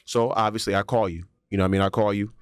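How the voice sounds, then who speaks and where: With a fairly low, smooth voice and a fast delivery, a podcast co-host tells a story during a casual chat. The studio-quality recording has no room sound, and he animatedly acts out the quotes and sound effects.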